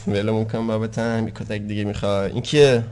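A man's voice: fairly low pitch, flat delivery, a crowd in the background. A young man co-hosting a casual comic chat, teasing and joking playfully. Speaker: co-host.

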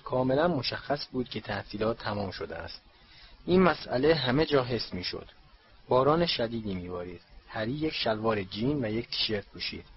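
A man reading an audiobook in a steady storytelling delivery. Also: mid-range voice. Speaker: audiobook narrator. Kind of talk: scripted audiobook narration. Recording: slightly dull, faint hiss.

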